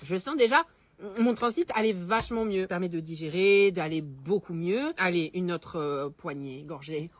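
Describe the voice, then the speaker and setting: A woman's voice: lowish voice, moderate pace. A woman doing a parody product unboxing in a mock-serious tone. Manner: mock-serious, breaks into laughter.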